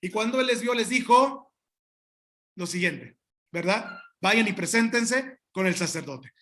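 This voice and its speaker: A man pastor preaching a sermon, emphatic and addressing the congregation directly, with halting restarts and asides. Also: sits high, expressive, pushed and bright.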